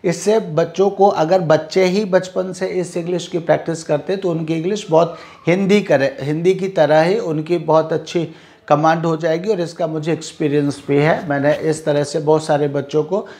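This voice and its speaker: A man with an Indian English accent and a slightly high, steady, darkish voice teaches spoken English, explaining in Hindi and drilling phrases slowly through repetition.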